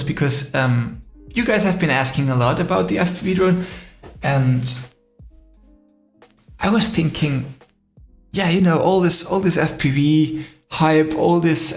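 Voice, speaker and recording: A man's voice: medium pitch, vocal fry, echoey room. A man from Spain hosting a casual live stream, rambling with many fillers and answering viewers' comments. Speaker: drone live-stream host.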